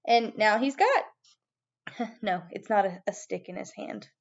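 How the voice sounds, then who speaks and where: A woman giving a video music lesson to young children as their teacher, animated and prompting them with questions. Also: medium pitch, measured pace, dull audio.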